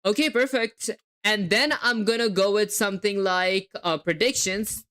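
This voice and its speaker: Speaking at normal speed in a medium-pitched, slightly bright voice, a young woman codes live on stream. She thinks aloud, spells words one letter at a time, and chats with viewers in an accent that blends origins and is hard to place.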